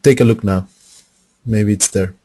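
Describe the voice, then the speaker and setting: Brief: man, webinar host, low voice, dry close sound, halting delivery with fillers. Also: steady tone, mellow, dry recording. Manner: halting, with fillers and repeated starts. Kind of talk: introducing and moderating a webinar. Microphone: computer mic on an online call.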